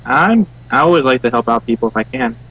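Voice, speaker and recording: A man's voice: mid-range voice, lively intonation, fast talker, fairly bright tone, faint music behind, rough recording. A man playing a tabletop game, jokey and offhand. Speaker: player. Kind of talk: casual tabletop role-play.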